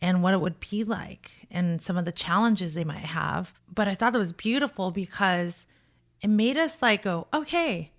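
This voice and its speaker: An expressive woman with a lowish voice speaks at normal speed as a dating coach and show host. She gives emphatic, opinionated, blunt relationship commentary in a conversational way.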